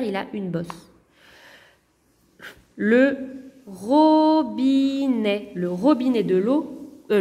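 A woman's voice: on the high side, long reverb tail. A woman teacher going over a lesson correction for young pupils, patient and careful, sounding words out syllable by syllable. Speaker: primary school teacher.

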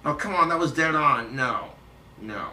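A young man with a bright, lively voice, bantering and teasing at an unhurried pace. He sounds distant from the mic in a roomy space with faint background noise. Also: a little high. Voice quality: playful, teasing. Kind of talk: joking banter, doing impressions. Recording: roomy, distant amateur recording.

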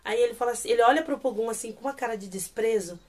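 A woman's voice: fairly high pitch, very fast, a little mellow. A young Brazilian woman with a Brazilian Portuguese accent, animatedly recapping and gushing over a series episode in casual chat. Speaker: series reviewer.

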